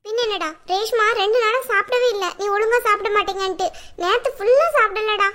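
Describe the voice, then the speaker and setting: A woman's voice: very high voice, fairly even intonation, brisk, bright, forceful tone. Woman doing a bossy, scolding cartoon mother. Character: scolding middle-aged mother, blunt and bossy. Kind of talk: cartoon drama dubbing.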